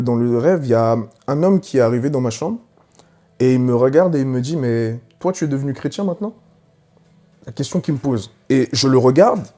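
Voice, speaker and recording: Man, testimony preacher, dramatic storyteller, hushed to shouting, warm dark voice. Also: medium pitch. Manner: dramatic storytelling, swings from hushed to loud cries. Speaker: preacher giving his testimony. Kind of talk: conversion testimony to a congregation.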